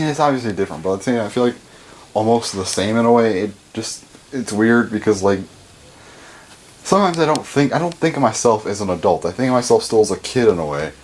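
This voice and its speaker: A teenage vlogger, seventeen, chats in a loose, rambling way with plenty of fillers and a swear here and there, his voice leaping higher on stressed words. A faint hiss or hum sits in the background.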